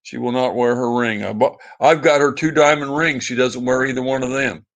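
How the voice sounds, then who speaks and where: A man's voice: mid-range voice, steady tone, a little fast, fairly bright tone. A man, hosting a casual livestream and reading viewer comments, talking in a pleading, sentimental, repetitive way. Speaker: livestream host.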